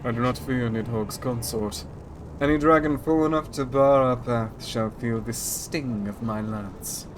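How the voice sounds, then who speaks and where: A man's voice: medium pitch, measured pace, background noise, lightly acted. A man voicing a grim, proud, hostile knight who hunts dragons, in stern archaic fantasy game speech. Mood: grim defiance.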